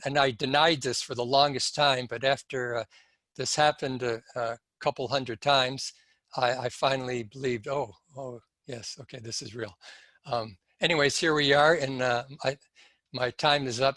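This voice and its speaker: A man speaking at a symposium, telling a personal story in a slow, reflective and halting way. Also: mid-range voice, fairly even intonation, sharp tone, dry recording.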